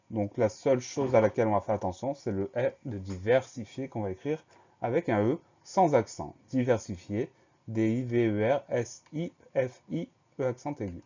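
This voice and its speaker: A male teacher giving a spelling lesson, spelling words out letter by letter in a slow, patient way. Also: medium pitch, mellow, breathy edge. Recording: dull lo-fi voice recording.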